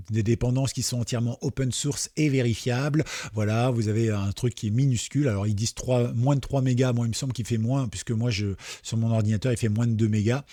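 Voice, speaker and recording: A man's voice: mid-range voice, dark tone, no room sound, studio quality. A man hosting a casual tech tutorial, chatty and joking, with many fillers and asides. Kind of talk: casual screen-recorded tutorial.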